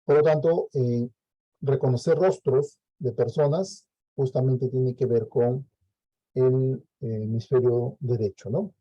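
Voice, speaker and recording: A man's voice: mid-range voice, slow, dry recording, dull audio. A Peruvian man lecturing a class, explaining step by step and checking in with frequent "¿no?" tags. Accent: Peruvian Spanish. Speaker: teacher.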